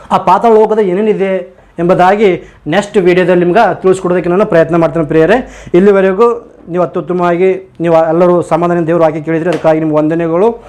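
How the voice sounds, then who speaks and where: Man, preacher, high voice, earnest sermon, rhetorical questions, prayer. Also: darkish tone.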